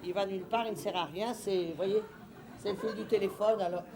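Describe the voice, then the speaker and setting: A stage actress playing a flustered, fussy middle-aged hostess in a comedy monologue, rambling theatrically to the audience. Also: female voice, mid-range voice, steady tone, a little fast, noisy background, close to an everyday voice. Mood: fussing.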